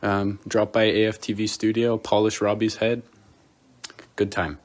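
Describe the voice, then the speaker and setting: A man with a low voice and very little melody. He chats casually as a football fan recording his reaction. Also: little pitch movement, a little slow.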